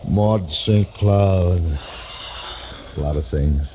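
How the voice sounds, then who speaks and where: An actor playing a dying, regretful lieutenant in a 1950s radio drama, speaking slowly and haltingly with old broadcast sound. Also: male voice, low voice, noisy background. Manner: slow, halting, breathy farewell. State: dying, weak. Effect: old radio show broadcast sound.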